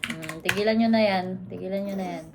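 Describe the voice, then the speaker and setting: A woman's voice: mid-range voice, fairly quick, noisy background. A woman speaking casually, as a mother talking to her children. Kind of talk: casual chat.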